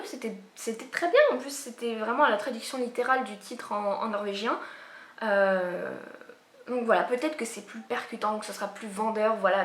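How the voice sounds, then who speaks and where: A woman with a fairly high voice chats casually about new books, rambling along with plenty of fillers and restarts. Her voice rings a little in a reverberant room. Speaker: book vlogger. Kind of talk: casual chat about upcoming book releases. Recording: echoey room.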